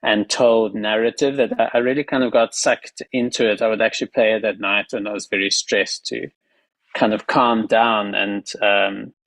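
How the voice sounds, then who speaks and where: A man's voice: fairly low pitch, steady tone, normal speed, creaky, a bit bright, no room sound, low-quality recording. A man talks enthusiastically on an online panel, his sentences loose and rambling. The sound from his earbuds is close and dry, with no room. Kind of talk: casual panel talk. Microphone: earbuds on video call.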